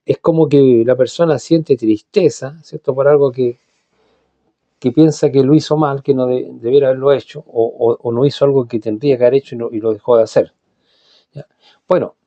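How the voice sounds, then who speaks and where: A man's voice: medium pitch, warm tone, dry recording, dull audio. A man giving a teaching sermon, explaining patiently and often checking in with his listeners. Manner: explanatory, repeats words and checks with "¿ya?". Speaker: Bible teacher.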